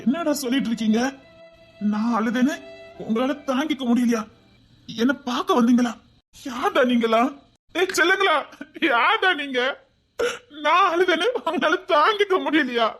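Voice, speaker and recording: A woman's voice: a little high, normal speed, pauses often, husky, faint music behind. A woman playing a lonely, remorseful village uncle with a Tirunelveli accent, talking in an emotional, pleading, tearful way in a web drama. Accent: Tirunelveli Tamil.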